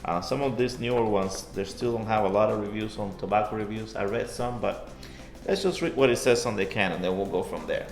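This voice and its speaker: With music behind him in an echoey room, a man co-hosting a pipe tobacco review talks in a relaxed, conversational way. His voice is lowish and he speaks fairly quickly.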